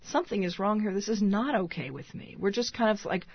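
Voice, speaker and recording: A woman's voice: mid-range voice, a little fast, slightly rough, dry recording. A woman author answering questions in a radio interview, thoughtful and full of restarts. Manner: thoughtful, many restarts and fillers. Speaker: author guest. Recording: dull lo-fi radio sound.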